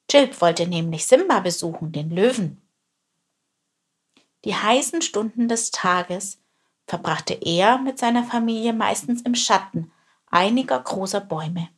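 Storyteller: woman reading a children's tale, slow and calm. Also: medium pitch, slightly rough.

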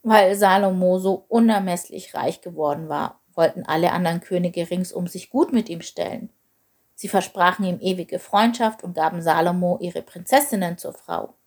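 A woman's voice: lowish voice, normal speed, a little mellow. Woman reading a children's Bible story. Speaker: narrator.

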